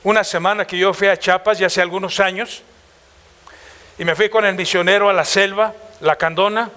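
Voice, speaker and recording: A man's voice: high-pitched, steady tone, moderate pace, bright, forceful tone. A man with a Mexican accent preaching a passionate church sermon, firing rhetorical questions at the congregation. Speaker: pastor.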